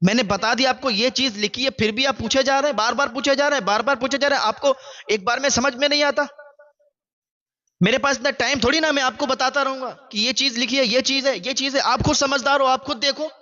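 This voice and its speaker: A man voicing an impatient young son who scolds his old father loudly and fast. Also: very high voice, steady tone, lo-fi sound, pitched above the performer's own voice. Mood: angry, scolding.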